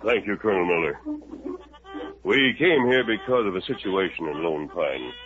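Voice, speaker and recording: An actor playing the Lone Ranger, a calm, resolute masked hero, speaking in a steady, persuasive way in a 1950s radio drama. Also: male voice, deep voice, normal speed, a little hiss or hum. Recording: tinny narrow old radio recording.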